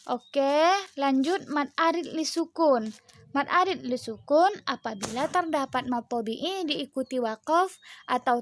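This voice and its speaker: A young woman teacher explaining Quran recitation rules to her pupils, patient and chatty, drawing out the verses slowly when she recites them. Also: high voice, a bit bright. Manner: explains patiently, with checking questions; slow, drawn-out chanting of Quran verses. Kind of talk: recorded online lesson.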